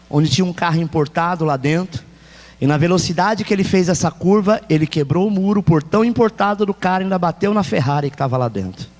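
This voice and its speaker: A male pastor with a Brazilian Portuguese accent preaching a sermon, emphatic and repeating key phrases. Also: high-pitched. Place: church hall. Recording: long church hall reverb.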